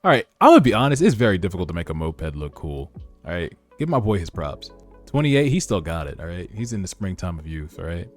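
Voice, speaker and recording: Speaking quickly with big swings in his low pitch, a male streamer reads a webtoon aloud and reacts in slangy, casual commentary, swearing now and then. Music runs in the background.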